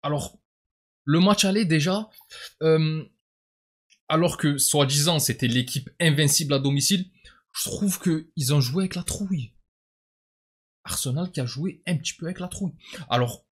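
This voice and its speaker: A man with a southern French accent giving a casual football debrief as a vlogger, often repeating words and sighing as he talks. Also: mid-range voice. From southern France.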